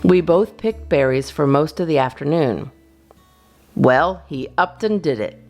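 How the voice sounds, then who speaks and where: A woman reading a children's storybook in an expressive, deliberate narrating style. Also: low-pitched, soft background music. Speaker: storyteller, children's channel host.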